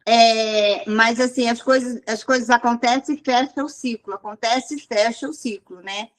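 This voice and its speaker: A woman's voice: fairly high pitch, fairly even intonation, normal speed. A woman sharing a casual, rambling testimony with a church group, restarting often. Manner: rambling, restarts often, quotes people in raised voice. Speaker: group leader.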